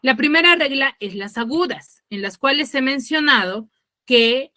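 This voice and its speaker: A woman teacher explaining over a video call, often checking understanding with quick tag questions and correcting herself mid-sentence. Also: high-pitched, animated, pushed and bright, no echo, clean studio sound. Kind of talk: online class explanation.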